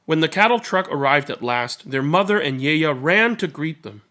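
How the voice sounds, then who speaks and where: With a fairly high, bright, and forceful voice, a man animatedly reads children's stories and chats as the host of his channel. His pace is moderate.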